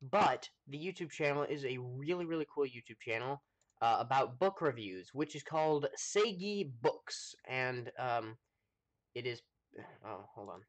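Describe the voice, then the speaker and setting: A man with an American accent chatting casually to viewers during a live game stream, rambling with lots of fillers and pausing to eat. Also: medium pitch, expressive. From United States. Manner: rambling, chatty, full of fillers, talks while eating. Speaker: livestreamer playing a space game.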